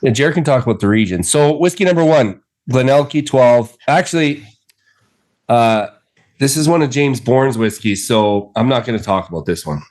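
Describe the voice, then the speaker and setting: A man's voice: mid-range voice, expressive, moderate pace, darkish tone. A man co-hosting a casual podcast, talking in an enthusiastic, rambling way with many fillers and restarts. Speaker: podcast co-host. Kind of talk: casual chat.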